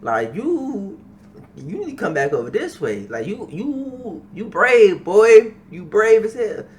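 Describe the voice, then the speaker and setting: A man's voice: sits high, sing-song, slow pace, a little hiss or hum. A young man hosting a reaction video, talking casually with profanity and repeating himself.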